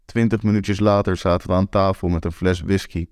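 A man's voice: low-pitched, steady tone, a little fast, darkish tone, clear, resonant tone, no echo, studio quality. A man in his twenties reading a first-person story aloud, candid and wry. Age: 20s. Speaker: narrator.

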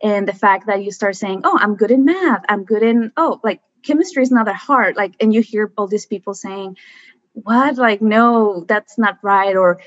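A woman, a guest telling her story in lively, chatty talk full of fillers. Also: medium pitch, moderate pace, dry recording, highs cut off. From Mexico. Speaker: guest, environmental scientist. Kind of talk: casual conversation.

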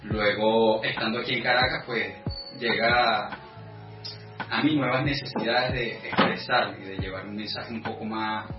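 A Venezuelan man in his thirties, a guest artist, telling his story in a casual interview with many thoughtful pauses and fillers. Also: on the low side, fairly even intonation. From Venezuela, the llanos. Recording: echoey room, distant lo-fi mic, music.

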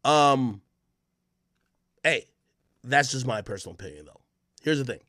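This Jamaican man hosts an unscripted reaction podcast, commenting in a brash, slangy, profane and emphatic style typical of casual streamer talk. His mid-range voice has lively intonation and a sharp tone, and he speaks a little slowly. The sound is clean studio audio with no echo.

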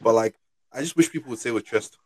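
A man's voice: mid-range voice, fast talker, a little mellow, husky. A man hosting a casual chat, repeating phrases for emphasis. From Britain. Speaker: podcast host.

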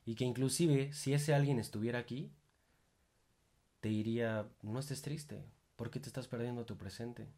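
A young podcast host with a Mexican accent and a warm, medium-pitched voice delivers a reflective monologue. It's informal and full of swearing, rising into emphatic bursts.

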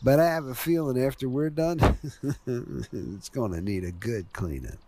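A man's voice: mid-range voice, measured pace, background noise, lightly acted. A man playing a lecherous, cowardly motel owner in a horror audio drama, with a drawling delivery. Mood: leering menace. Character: Gomer, lecherous, menacing motel owner, cowardly when caught.

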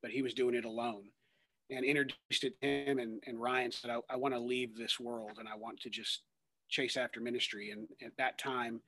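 A man's voice: mid-range voice, flat delivery, moderate pace, sharp tone, no room sound. A man in his thirties, a ministry worker and guest, talking earnestly in a rambling way with many fillers and restarts. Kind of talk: conversational testimony.

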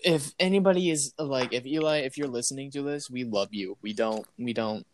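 A man's voice: mid-range voice, fairly quick. Young male co-host, playful rambling chat, slight background noise. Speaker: podcast co-host. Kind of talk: casual chat.

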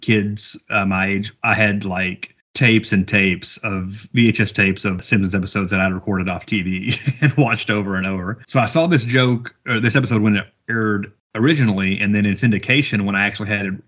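A man in his thirties with a fairly low voice, talking through a casual podcast chat. He rambles, fills gaps with "uh", and chuckles along the way. The recording is dull and lo-fi. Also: fairly even intonation, brisk, few pauses, fairly bright tone. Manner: rambling, chuckling, lots of fillers. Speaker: podcast co-host.

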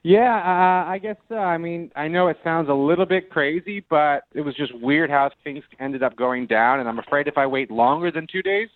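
A man's voice: fairly high pitch, normal speed, few pauses, dry recording. A man near thirty rambles sheepishly through his story as a caller. His voice comes down a tinny phone line. The sound is dry, with no room around it. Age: late 20s. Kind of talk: casual phone call to a radio show.

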